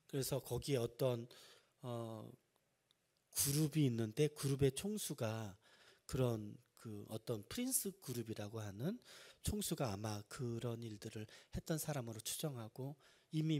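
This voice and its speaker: A man's voice: medium pitch, mellow. A male pastor preaching a Sunday sermon, building emphasis and asking the congregation rhetorical questions. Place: church sanctuary.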